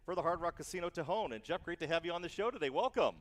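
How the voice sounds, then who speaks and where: A man hosting a football pregame show, interviewing a guest in a brisk, joking manner. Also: fairly high pitch, lively intonation. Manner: brisk, joking, reads questions.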